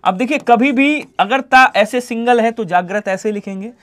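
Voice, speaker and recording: Hindi teacher drilling exam spelling. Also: male voice, extremely high pitch, moderate pace. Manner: repeats answers in imagined student replies, drops to quiet trailing endings. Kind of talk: online exam-prep class.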